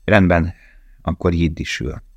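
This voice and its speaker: A man voicing a young male prisoner who speaks quietly and with resignation. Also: low-pitched, steady tone, no room sound, dull audio. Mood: resigned.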